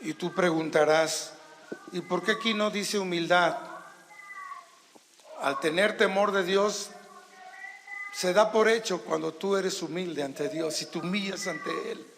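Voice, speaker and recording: A Mexican pastor preaches with emphatic force, his voice pitched high with a gravelly edge. He talks into a handheld microphone, and his words ring through a reverberant church hall. He calls questions out to the congregation. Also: unhurried, long pauses, a bit bright, slight background noise. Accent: Mexican Spanish. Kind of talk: sermon. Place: church sanctuary.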